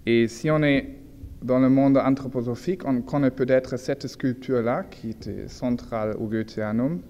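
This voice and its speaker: A man with a German accent, a native German speaker, gives an informal illustrated lecture in French, halting as he searches for words and corrects himself. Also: mid-range voice, fairly even intonation, dark tone, muffled recording. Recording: echoey hall with long reverb, background noise.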